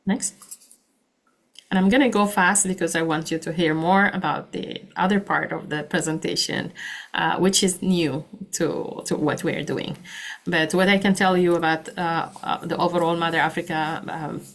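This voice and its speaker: A woman founder presenting on a video call, talking in a halting way with many fillers while losing her voice. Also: on the low side, fairly even intonation. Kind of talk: webinar presentation.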